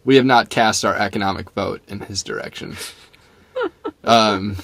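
A man's voice: lowish voice, measured pace, fairly bright tone, no room sound. A young adult man co-hosting a casual podcast chat, joking and teasing his co-host.

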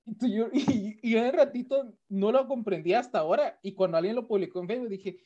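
A man's voice: high voice, fast, mellow. A man hosting a casual panel chat, rambling along with many fillers and restarts. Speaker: host. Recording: dull lo-fi sound.

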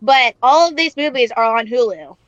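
A woman's voice: on the high side, moderate pace, a bit bright, no room sound. A woman in casual podcast chat, rambling with lots of "like" fillers and casual swearing. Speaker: podcast co-host. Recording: dull lo-fi sound.

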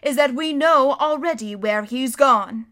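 A grave, earnest male beaver, read by a woman, laying out danger in slow, weighty words. His voice sits fairly high and pushes hard on key phrases. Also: pushed and bright.

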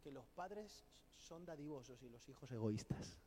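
A man's voice: medium pitch, animated, moderate pace, mellow, a little hiss or hum. A man from preaching a sermon, emphatic, asking rhetorical questions and acting out quoted people. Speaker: pastor.

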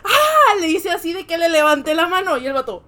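A woman's voice: extremely high pitch, fast talker, fairly bright tone. A young woman with a Mexican accent, chatting casually and telling a story in slangy speech, often laughing. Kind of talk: casual chat.

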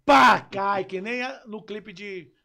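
High-voiced man. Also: takes it slowly, creaky, faint music behind. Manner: lively anecdotes with sound effects. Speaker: musician guest. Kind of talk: casual podcast storytelling.

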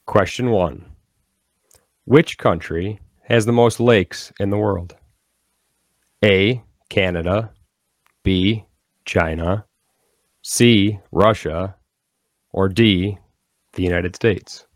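A man co-hosting a podcast, reading trivia questions out slowly and steadily. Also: sits low, no echo, studio quality. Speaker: podcast co-host running trivia. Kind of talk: casual chat, quiz hosting.

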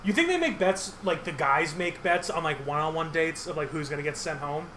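A man's voice: on the high side, animated, fairly quick, bright, forceful tone, slight background noise. A man co-hosting a podcast, chatting casually and rambling with lots of fillers. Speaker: podcast co-host. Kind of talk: casual chat recapping a TV show.

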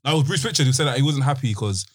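Male podcast host, London roadman slang and accent, rapid excitable delivery with swinging pitch, casual banter. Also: slightly rough, dry recording, studio quality. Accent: London, urban roadman-style slang. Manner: excitable, repeats words, street slang. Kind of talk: casual group chat.

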